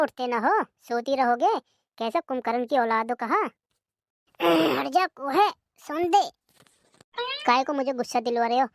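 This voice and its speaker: A woman voicing a nagging, sharp-tongued young wife in a cartoon comedy, scolding and complaining loudly. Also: fairly high pitch, dry recording, studio quality, lightly acted.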